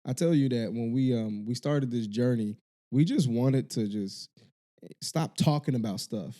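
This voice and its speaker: Picture a man co-hosting a casual podcast, earnest and a bit halting, stumbling through fillers and restarts. His voice sits in a middling pitch with a dark, mellow tone. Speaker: podcast co-host.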